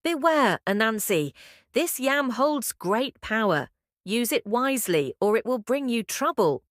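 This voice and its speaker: A woman voicing a solemn magical forest spirit in a trickster folk tale, giving out drawn-out, ominous words. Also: fairly high pitch, big pitch swings, no room sound, studio quality. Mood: ominous warning.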